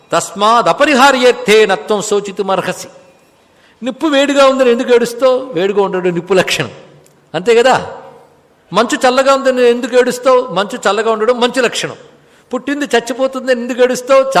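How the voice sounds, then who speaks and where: A man giving a religious discourse, posing rhetorical questions and reciting verses. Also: high voice. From India. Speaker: spiritual discourse speaker. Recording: long reverb of a hall.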